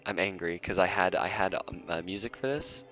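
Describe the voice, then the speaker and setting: A man's voice: low voice, a little fast, fairly bright tone. A man narrating as game master of a tabletop game, teasing the players and often laughing. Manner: laughing, teasing, self-interrupting. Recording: muffled lo-fi audio, faint music.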